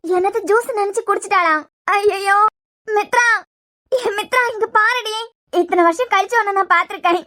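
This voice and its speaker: A woman voices an overwrought young man in a cartoon web series, his voice pitched extremely high and thin. He wails and frets melodramatically, with a Kanyakumari Tamil lilt. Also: normal speed, sharp tone. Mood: wailing. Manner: wailing, melodramatic.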